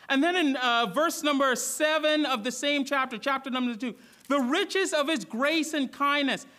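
A man from the Bahamas preaches in a church, his voice pitched high for a man. He speaks earnestly, asks his listeners questions and often restarts his words. The tone is bright and forceful. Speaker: pastor. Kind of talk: sermon.

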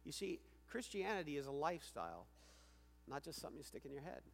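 A man's voice: fairly high pitch, big pitch swings, quick pace, gravelly, slight background noise. Emphatic male pastor in a reverberant hall. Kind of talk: sermon.

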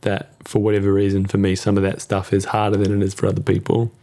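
A man hosting a podcast, speaking thoughtfully and gently in reflective conversation. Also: on the low side, completely flat delivery, quick pace. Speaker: podcast host.

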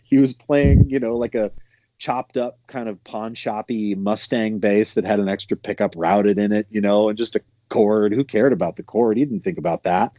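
Man, mellow dark tone, casual rambling talk, dry muffled call audio. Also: medium pitch, dry recording. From Montana. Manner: loose, rambling storytelling with many fillers. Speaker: guest, bass player. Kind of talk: casual conversation.

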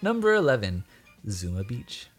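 Playful, lively male podcast host. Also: mid-range voice, normal speed, faint music behind. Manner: playful, quizzing and teasing, laughs often. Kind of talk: casual chat.

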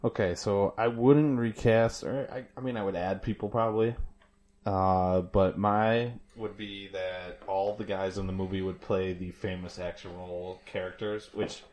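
A man with a very low voice co-hosting a laid-back movie podcast. He talks in an easygoing way, laughs along with his partner and moves the show from one segment to the next. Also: fairly even intonation, moderate pace, darkish tone. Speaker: podcast co-host. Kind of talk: casual movie review chat.

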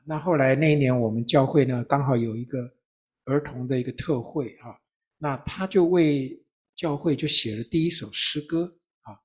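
A man, a pastor, telling a personal testimony in an interview, with a storytelling manner and frequent soft tag particles at the ends of his phrases. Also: a little high, breathy edge.

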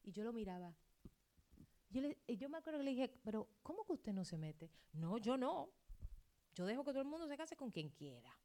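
A middle-aged woman pastor preaching a sermon, acting out quoted dialogue and swinging between loud outbursts and hushed asides. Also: on the high side, sing-song, brisk.

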